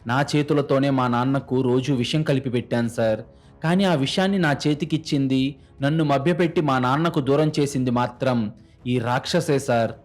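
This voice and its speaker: A man's voice: mid-range voice, fairly even intonation, moderate pace, natural voice. A man doing a bitter vengeful adopted son. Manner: bitter, mocking, intense.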